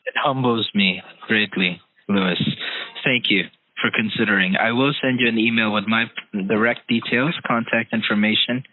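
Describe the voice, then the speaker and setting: On a tinny phone-line call, a man hosting a podcast interview talks earnestly but haltingly, dropping in many "you know"s. His voice is on the low side, at a normal speed with fairly even intonation, and there's no room sound.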